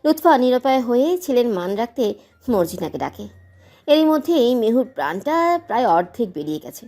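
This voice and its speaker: A woman's voice: on the high side, brisk. Emotive woman narrating a drama. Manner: emotive, expressive. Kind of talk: dramatic audio story narration.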